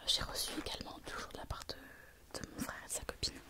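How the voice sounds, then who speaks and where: Soft whispering, lots of pauses and fillers: a woman nursing a head cold does an ASMR show-and-tell. She creates ASMR content.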